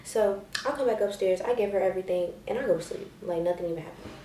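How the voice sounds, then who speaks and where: A woman's voice: medium pitch, quick pace, roomy sound, distant mic, slight background noise. Slangy young woman telling a story. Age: young adult. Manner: animated, slangy, acts out quotes in a raised voice. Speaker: vlogger. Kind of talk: casual storytime.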